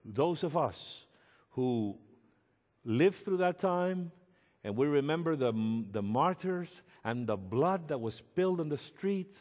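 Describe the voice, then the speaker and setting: A man preaching a sermon as a pastor, telling a story slowly and emphatically and rising to shouts at its peaks. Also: medium pitch, slightly rough. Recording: echoey hall with long reverb.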